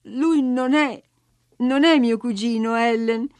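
A woman's voice: a little high, animated, moderate pace, dry recording, pitched above the performer's own voice, lightly acted. A woman voicing a spoiled, imperious young girl who gives orders and grows indignant, in a storybook reading. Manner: bossy, indignant, whiny.

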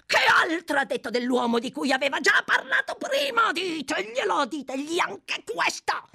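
A woman's voice: fairly high pitch, big pitch swings, takes it slowly, a bit bright, slightly rough, exaggerated voice. A woman voicing a raging old fence. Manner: screeching, frantic demands.

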